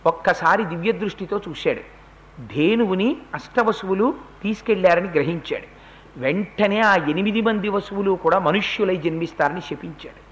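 A man delivering a religious story discourse in a high, bright voice. He retells the epic in an animated, dramatic way and slips into the characters' speech as he goes. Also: moderate pace. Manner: animated, acts out the quoted speech.

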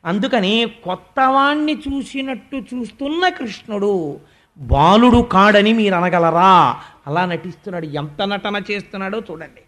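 High-voiced man giving devotional storytelling discourse. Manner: animated storytelling, recites verses slowly. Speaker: spiritual discourse speaker.

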